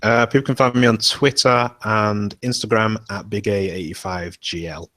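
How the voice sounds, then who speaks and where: A man speaking as a guest on a casual podcast, measured and thoughtful. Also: lowish voice, fairly even intonation, sharp tone, no room sound. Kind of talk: casual chat.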